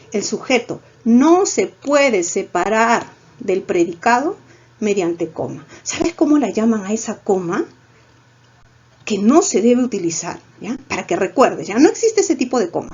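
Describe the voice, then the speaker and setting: Woman, Peruvian Spanish accent, teacher, coaxing, husky voice, dull lo-fi sound. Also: mid-range voice. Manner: lively, coaxing, peppers lines with "¿ya?". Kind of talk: recorded grammar lesson.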